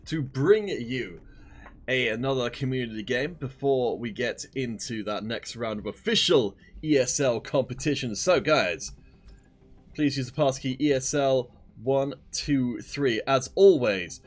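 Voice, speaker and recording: A man's voice: mid-range voice, a little slow, soft background music. A man casting a live esports stream, chatting upbeat and directly to viewers. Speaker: esports caster.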